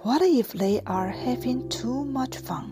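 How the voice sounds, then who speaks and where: A woman voicing an anxious, gentle male elephant from a picture book, drawing out her words slowly. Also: fairly high pitch, animated, over music, pitched above the performer's own voice. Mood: worried. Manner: slow, drawn-out storybook delivery.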